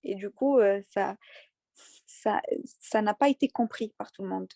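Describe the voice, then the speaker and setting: A young woman with a slight Moroccan accent answers interview questions earnestly, halting often with fillers and repeated words. Her mid-pitched voice is creaky and warm, recorded close and dry with no room sound.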